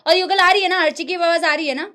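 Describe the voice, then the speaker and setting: High-voiced chatty woman teacher. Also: steady tone, quick pace, sharp tone. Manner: chatty, addresses students fondly. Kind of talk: live online class talk. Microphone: laptop.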